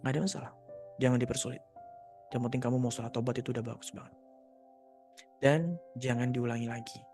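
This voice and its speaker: A man's voice: mid-range voice, steady tone, fast talker, darkish tone, faint music behind. Man giving casual direct advice. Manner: casual, direct advice-giving, mock voices when quoting. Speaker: Islamic youth mentor answering questions. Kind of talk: live Q&A session, reading viewer questions.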